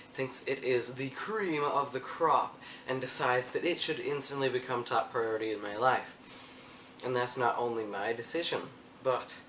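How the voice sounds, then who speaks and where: A young man chatting in a casual solo vlog, playful and prone to wandering off topic. His voice is mid-pitched and sits a little back from the mic. The room adds a roomy echo and a faint hum of ambience. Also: a bit bright, far from the mic. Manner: rambling, self-interrupting, playful. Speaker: vlogger. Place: room at home.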